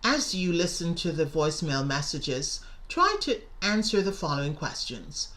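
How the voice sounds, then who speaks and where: A middle-aged woman, an English teacher and presenter, narrates a scripted lesson in a lowish, fairly bright voice, enunciating carefully and stressing key words.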